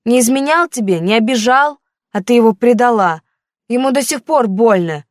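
A woman voicing a defiant, tearful teenage girl who shouts accusations at her mother. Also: fairly high pitch, lively intonation, moderate pace, no room sound, clean studio sound, voice pushed up, lightly acted. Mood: tearful, accusing. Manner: shouting, accusing, on the verge of tears.

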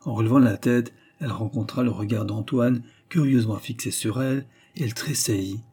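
A man narrating a literary novel as an audiobook in a measured, even storytelling manner. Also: medium pitch, slightly rough.

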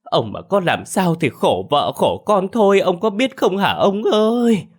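A man voicing a middle-aged village wife who wails and scolds her husband loudly. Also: sits high, sing-song, a little slow, voice pushed up, heavily acted. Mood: wailing. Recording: faint background music.

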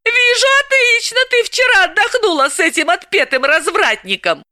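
A woman's voice: very high-pitched, lively intonation, normal speed, sharp tone, dry recording, clean studio sound, voice pushed up, exaggerated voice. A woman reader voicing a gleeful, mocking young female friend with a squealing manner. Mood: teasing.

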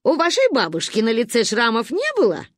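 A woman's voice: a little high, huge pitch swings, fairly quick, no room sound, clean studio sound, voice pushed up. Woman doing a caustic old grandmother. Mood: tart. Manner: caustic, cutting. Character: sharp-tongued old grandmother, sarcastic and imperious.

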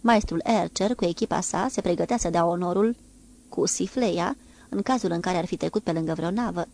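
Audiobook narrator, female, steady and measured, with some vocal fry. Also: on the low side. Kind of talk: audiobook narration of a naval novel.

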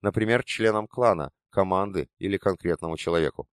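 A man reading an audiobook and voicing a stern, sardonic masked mentor who speaks slowly and irritably. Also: low-pitched, clean tone, no room sound, studio quality, close to an everyday voice. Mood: explaining. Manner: slow, irritable, dryly mocking.

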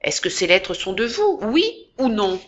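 A woman's voice: medium pitch, big pitch swings, a little slow, muffled recording, voice pushed up. A woman doing a sneering, haughty official. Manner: mocking, haughty. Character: sneering male sub-prefect official.

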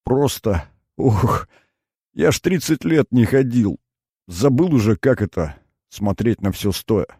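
A man's voice: medium pitch, expressive, slow pace, mellow, husky, no echo, clean studio sound, pitched above the performer's own voice, exaggerated voice. A man voicing an elderly war veteran grandfather, speaking through sobs and overwhelmed with feeling, in an audiobook reading. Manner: sobbing, overwhelmed. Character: tearful old male war veteran grandfather.

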